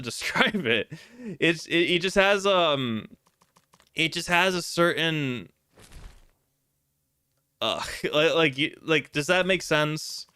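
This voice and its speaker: Chatty gaming streamer, crisp bright voice. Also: male voice, mid-range voice, no room sound, studio quality. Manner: rambling, chatty, many fillers and profanity; answers chat questions. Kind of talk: casual gameplay commentary.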